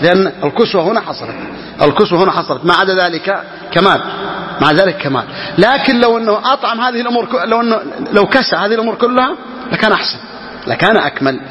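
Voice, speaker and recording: Man, classroom lesson, quick delivery, repeats key phrases, dull lo-fi hall recording. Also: sits high, fairly bright tone. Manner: repeats key phrases, reads text slowly then explains. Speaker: teacher of Islamic jurisprudence. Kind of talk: classroom lesson explaining a legal text.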